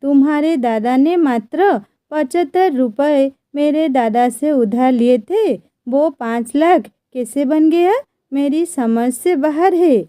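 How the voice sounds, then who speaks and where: A woman's voice: sits high, slow, mellow, no echo, clean studio sound. A woman voicing a bold young landlord's daughter in a read-aloud story, confident and teasing. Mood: assertive.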